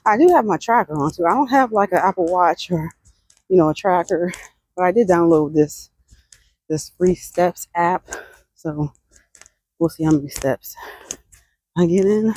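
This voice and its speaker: A woman vlogger with a slightly mellow, lowish voice chats casually at a moderate pace while walking outdoors along a roadside sidewalk, pausing often. She laughs a lot, sighs between sentences, and is out of breath from walking.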